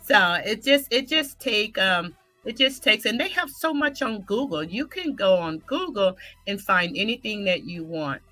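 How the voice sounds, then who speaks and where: Energetic female fitness guest, bright tone, chatty and quick to self-correct. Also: medium pitch, faint music behind. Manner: energetic, talks through restarts and self-corrections. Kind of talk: casual interview talk.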